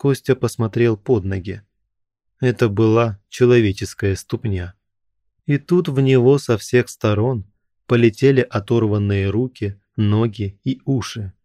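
A man narrating a horror story in a measured, unhurried storytelling manner. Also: fairly low pitch, warm tone, dry recording, clean studio sound. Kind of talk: audiobook narration of a horror tale.

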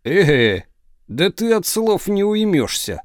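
A man voicing a stern, angry young village blacksmith who shouts harshly. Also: high voice, sing-song, slow, no room sound, studio quality, voice pushed up, heavily acted. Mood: stern shouting.

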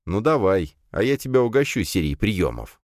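A cocky young student snaps back with sharp, mocking confidence, as a male reader plays him. The voice lifts above the reader's low register and stays dry and close. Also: sing-song, moderate pace, no echo. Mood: defiant. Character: bold young male student hero, defiant.

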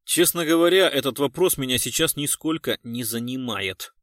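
A man voicing a calm, ironic male police colonel who speaks coldly and with authority. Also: mid-range voice, normal speed, no echo, clean studio sound, lightly acted. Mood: cool. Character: cool-headed male police colonel, dry.

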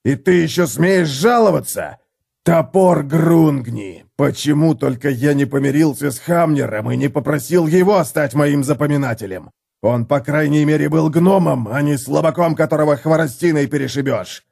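A man voicing a furious, scornful old dwarf warrior who bellows slowly and heavily in an audiobook. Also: medium pitch, vocal fry, darkish tone. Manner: bellowing, slow and heavy.

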